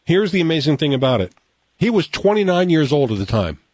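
An American man hosting a radio show, telling stories and running a game in an animated, conversational way. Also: fairly high pitch, brisk, dry recording. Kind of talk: broadcast talk, storytelling and game hosting. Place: radio studio. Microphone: close studio mic.

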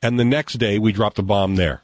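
An American man hosting a radio show, telling stories and running a game in an animated, conversational way. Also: on the low side, moderate pace, dry recording, studio quality. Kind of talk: broadcast talk, storytelling and game hosting. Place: radio studio. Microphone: close studio mic.

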